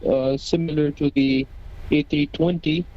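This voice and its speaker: A man's voice: a little high, fairly even intonation, unhurried, muffled recording. A man co-hosting a casual livestream, chatting through aircraft facts and figures over a crackling, breaking-up audio line. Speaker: livestream co-host.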